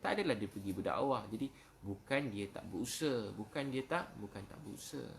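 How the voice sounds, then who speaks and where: A man's voice: lowish voice, expressive, gravelly, a little hiss or hum. A man preaching in a casual question-and-answer talk, with a Malaysian Malay accent and lots of "ha" fillers between phrases. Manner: fast, warm conversational preaching with many "ha" fillers. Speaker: religious preacher.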